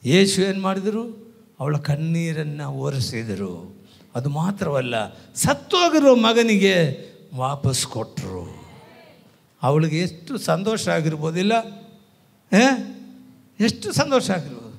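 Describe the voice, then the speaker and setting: A man preaching a sermon in a Kannada accent, dramatic, swinging between soft tender lines and loud bursts with frequent hallelujahs. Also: a little high, very animated, takes it slowly, gravelly, long pauses. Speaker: pastor.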